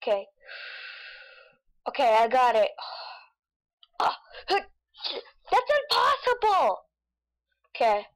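A woman giving excitable gameplay commentary, with frustrated outbursts and silly nonsense sounds. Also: a little high, slow pace, pauses often, poor audio. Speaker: gamer. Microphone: desk mic with face cam.

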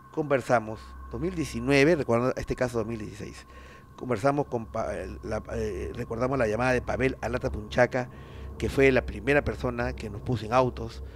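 A man with a Peruvian accent hosting a paranormal show, telling stories in a loose, slangy, animated way with lots of fillers. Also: mid-range voice, a little hiss or hum. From Peru. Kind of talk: casual paranormal storytelling.

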